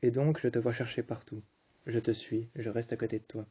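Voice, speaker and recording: A man tells a tender story straight to a listener, calm and unhurried. His voice is low and mellow and stays almost level, and he often stops to repeat or restart a phrase. The recording sounds dull and muffled. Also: breathy edge. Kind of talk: improvised second-person romantic storytelling.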